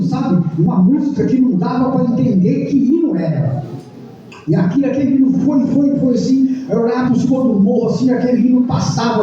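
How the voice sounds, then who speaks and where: A man's voice: extremely high pitch, dark tone. A man giving a personal testimony at a Sunday church service, speaking hesitantly and repeating his words. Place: church hall. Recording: echoey church hall, far from mic, dull.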